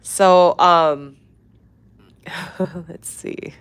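A young woman with a low voice hosts a casual nail art livestream, sounding stuffy and congested from a cold. She chats in a friendly, rambling way, full of fillers and restarts. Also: fairly even intonation, drawn-out words, smooth. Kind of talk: casual livestream tutorial chat.

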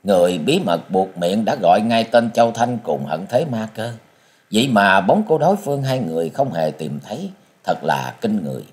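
A man reading a martial-arts novel aloud as an audiobook, in an expressive, dramatic storytelling manner. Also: lowish voice, moderate pace. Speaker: audiobook reader.

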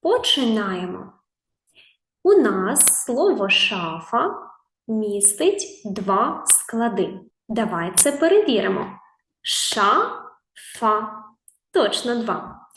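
A slow, patient woman teacher with a Ukrainian accent, drawing out single sounds and praising small children. Her voice sits a little high. It rings in an echoey room. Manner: drawn-out sounds, gentle questions and praise. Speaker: preschool teacher.

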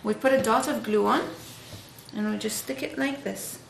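Speaking at a moderate pace in a high-leaning voice, this thirty-something mom hosts a relaxed craft tutorial indoors at her dining table. Her instructions come step by step, full of encouragement and praise, while the recording carries noticeable echo, background noise, and clicking sounds.

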